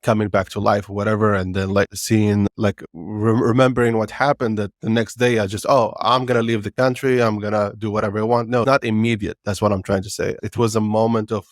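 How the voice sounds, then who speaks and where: A man from Morocco with a low voice talks as a guest on a podcast interview. He is candid and reflective and wanders through his thoughts in a casual way. The sound is dry and close, with no room echo. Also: fairly even intonation, a little fast, few pauses. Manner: candid and reflective, loose and rambling.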